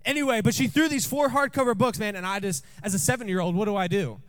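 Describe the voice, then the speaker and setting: High-voiced man preaching a jokey sermon. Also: quick pace. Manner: jokey, asks the room questions often. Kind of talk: storytelling sermon to a congregation. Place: church.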